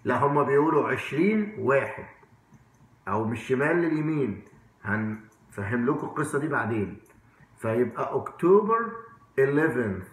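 Standing at a whiteboard in a strongly echoing room, a forty-something Egyptian-accented man teaches English informally. He repeats words and checks understanding with questions as he chats. His medium-pitched voice is very animated, moves at a moderate pace and pauses frequently.

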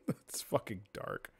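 A man hosting a let's play, reacting loudly, laughing and swearing as he comments on the game.

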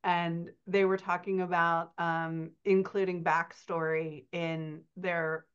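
A woman in her thirties, a writing coach and editor, chats on a podcast over a video call, often laughing and telling stories with animation. Her voice is lowish, clear, resonant and fairly bright, with little pitch movement and a slow pace. The computer mic gives slightly dull, lo-fi call audio.

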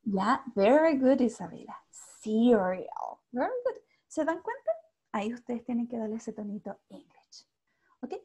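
Teaching an English class via video call, a woman with a Chilean Spanish accent mixes English into her Spanish and keeps checking in with students, always patient. Her voice is on the high side, expressive, darkish and husky, at a normal speed.

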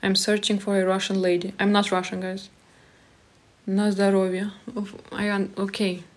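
A woman's voice: medium pitch, monotone, normal speed. A young woman in her twenties from Moldova, with a Moldovan accent, whose first language is Romanian. She chats casually on a live stream from a small room at home, reading viewers' comments aloud and answering them. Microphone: phone held close at arm's length.

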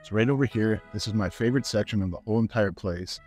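Talking fast in a low, slightly mellow voice, a fitness vlogger from Canada in his thirties makes his way through a grocery store on a lapel mic. He's chatty and upbeat, speaking to camera with fillers, and faint music runs behind this casual walk-through vlog.

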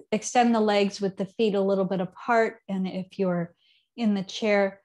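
Guiding a seated yoga practice, a yoga teacher in her thirties speaks at a middle pitch with calm, unhurried cues whose endings often fade gently downward. She sounds slightly far off, as though recorded by a camera across her living room.

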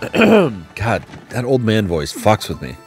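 A man's voice: on the low side, wildly swooping pitch, slow, a little mellow, faint music behind. A man giving crude, joking let's play commentary and mock-reading game text. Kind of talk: casual gameplay commentary.

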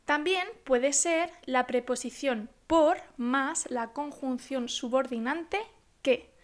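High-voiced woman teaching Spanish grammar. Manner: slow, careful teaching delivery with dictation. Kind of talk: language lesson explaining grammar with examples.

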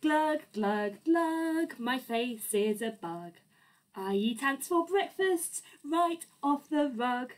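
Boastful nonsense-singing robot monkey for a storybook, played by a woman, theatrical, high, wildly animated. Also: slow. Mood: manic, nonsensical. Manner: theatrical, exaggerated, playful.

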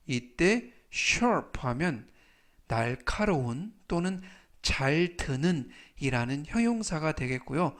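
Male vocab teacher, unhurried and careful, slightly higher voice, repeats each word. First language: Korean. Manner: spells out pronunciation, repeats each word slowly. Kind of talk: slow explanatory vocabulary lesson.

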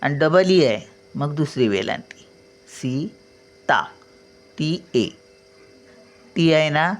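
A woman's voice: low voice, lively intonation, a little mellow. An older woman teaching at home, spelling out letters one by one and checking often that the learner follows. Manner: patient, spells out letters and sounds words slowly. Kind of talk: home writing lesson.

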